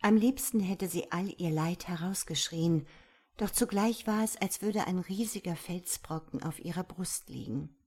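A woman narrating a sad story in a soft voice, turning hushed at emotional moments. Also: lowish voice, a little slow. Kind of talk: storybook reading.

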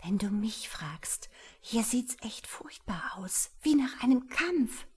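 A woman reading an audiobook, voicing an anxious, tearful young wife in a raised, breathy whisper. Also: on the high side, moderate pace, a little mellow, pitched above the performer's own voice, close to an everyday voice. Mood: frightened whisper.

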